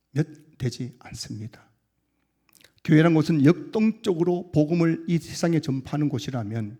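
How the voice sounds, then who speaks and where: Earnest in his sermon, a man preaching as a pastor builds to loud emphatic high points before sinking low and soft at the end of each sentence.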